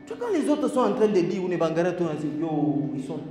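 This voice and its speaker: Animated preacher man in echoey hall. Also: high-pitched, brisk, over music. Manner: animated, switches languages, builds to shouting. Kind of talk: conference sermon. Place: church hall.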